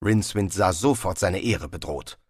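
A man narrating an audiobook in a dry, measured storytelling manner. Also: sits low, slightly rough, dry recording. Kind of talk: scripted narration.

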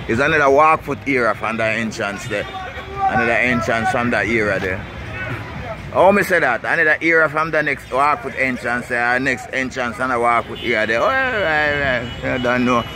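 At a normal speed and in a mid-range voice, a Jamaican vlogger using Rasta speech rambles through a casual walking tour, repeating little tags like "see," "you know," and "blessed love." He's out in a city park beside busy streets, filming on a handheld camera while walking, and traffic noise fills the recording.

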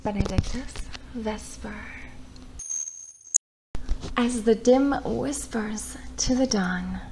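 A woman with a slightly high voice reads bedtime poetry slowly, slipping in and out of a breathy whisper. It feels intimate, spoken right in your ear, with noticeable background noise. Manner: slow, deliberate phrasing with pauses. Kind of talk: whispered poetic bedtime story reading.

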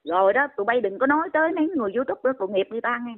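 A woman's voice: a little high, expressive, very fast. An older woman, scolding and exclaiming in indignant commentary. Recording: tinny phone line.

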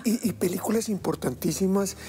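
A middle-aged man hosting a television cooking show, chatting effusively and flatteringly with his guest in a studio kitchen. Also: high-pitched, a little fast. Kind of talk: warm effusive studio chat. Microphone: lapel mic.

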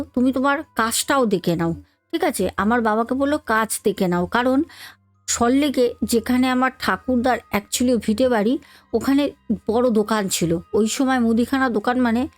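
A woman's voice: on the high side, no echo. Chatty woman storyteller, dry close mic. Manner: chatty, addresses listeners directly, many fillers. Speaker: podcast host telling a family story. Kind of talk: casual storytelling.

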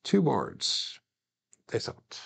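A man's voice: drawn-out words, fairly bright tone. A tired man in casual solo commentary, coaching himself and chatting with viewers between dice throws, laughing often. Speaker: craps practice streamer.

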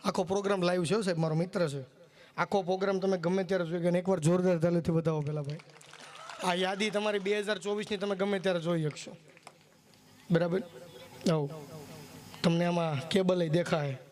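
A man's voice: high-pitched, steady tone, fairly quick, long pauses, darkish tone. A man telling jokes live on stage, teasing the crowd and checking they follow. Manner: chatty, teasing the crowd, asks "samjya?". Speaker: stage comedian. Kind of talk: live folk comedy storytelling.

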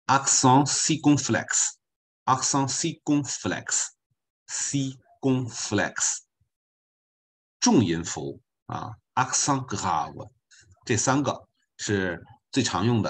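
A man's voice: deep voice, slightly rough. A man teaching a beginner French class online as a volunteer, patiently repeating his points with chatty asides.

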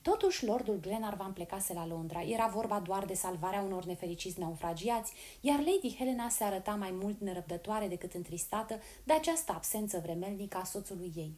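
A woman reading a classic adventure novel aloud in a clear, steady storytelling narration. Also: medium pitch, hardly any pauses. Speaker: audiobook reader.

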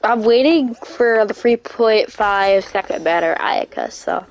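A woman's voice: medium pitch, unhurried, faint music behind, rough recording. Chatty woman hosting a let's-play. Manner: chatty, explaining with fillers and restarts. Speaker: channel host. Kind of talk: casual let's-play chat.

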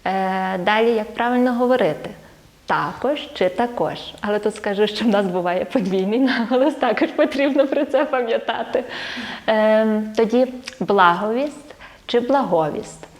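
A woman's voice: fairly high pitch, a little fast, darkish tone. A woman who teaches language and literature, speaking as an interview guest. She explains things step by step, with many filler sounds and light laughs between phrases.

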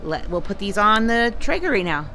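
A woman's voice: medium pitch, sing-song, moderate pace, background noise. A middle-aged woman chatting through a home cooking vlog, narrating each step and asking questions as she goes. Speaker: vlogger. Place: home kitchen and backyard patio. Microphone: handheld phone camera.

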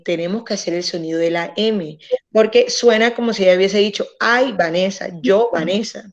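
A woman English teacher running an online class, patiently explaining grammar and slowly modelling pronunciation. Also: medium pitch, a little mellow, highs cut off. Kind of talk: online language class, switching between Spanish and English.

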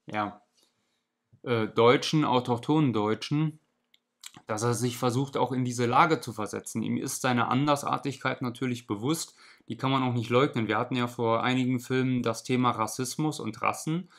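A man in his thirties at home indoors, giving a measured, explanatory reaction commentary on a video. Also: mid-range voice, fairly bright tone.

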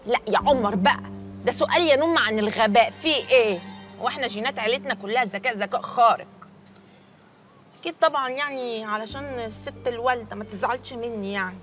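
A woman's voice: a little high, a bit bright, soft background music, close to an everyday voice. An actress in a comedy series playing a talkative, teasing young woman teacher, with an Egyptian Arabic accent. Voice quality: talkative, playful, quick banter. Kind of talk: TV comedy drama dialogue.

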